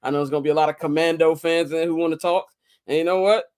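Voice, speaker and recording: Male sports show host, hungover, higher-than-average voice, loose slangy conversational delivery. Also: fairly even intonation, racing, darkish tone, smooth. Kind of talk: casual sports talk show hosting.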